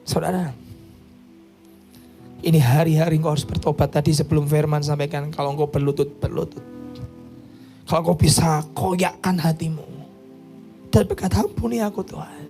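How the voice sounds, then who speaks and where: A man preaching a fervent sermon, storytelling and then pleading, rising into shouts at times. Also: a little high, little pitch movement, moderate pace, long pauses, soft background music.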